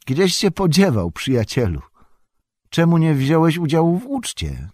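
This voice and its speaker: A man's voice: a little high, huge pitch swings, measured pace, a little mellow, dry recording, studio quality, voice pushed up, heavily acted. A man voicing a fond, wistful old male hobbit in an audiobook reading. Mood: eager. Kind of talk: audiobook character voice.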